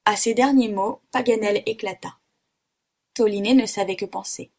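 A woman reading a classic novel aloud in a steady, even narration. Her voice is husky and breathy, pitched in the middle range. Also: normal speed. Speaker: audiobook reader. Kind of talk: storybook narration.

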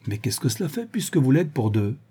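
Guy reading as a sad little marquise, soft and shaky, husky dark voice. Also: mid-range voice, big pitch swings, brisk. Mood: teasing, sad. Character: wistful aristocratic woman, a marquise in love.

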